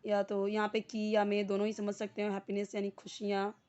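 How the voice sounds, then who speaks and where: A woman with an Indian accent teaching an English lesson, reading English sentences slowly and explaining them word by word, with many "uh" fillers. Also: mid-range voice, completely flat delivery, darkish tone, muffled recording. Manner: frequent "uh" fillers when speaking English.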